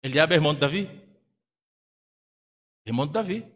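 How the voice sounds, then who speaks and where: A slightly high, fairly bright voice with lively intonation carries this Brazilian pastor's sermon, delivered a little fast in a church hall with a long reverb tail. He tells a family story and performs the voices of the people he quotes.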